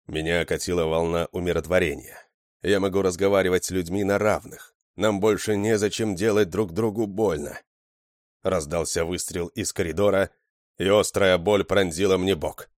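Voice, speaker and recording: A man with a very low voice narrates a story in steady, scripted style. His reading is even and measured. The sound is close and dry. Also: no echo. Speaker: audiobook narrator.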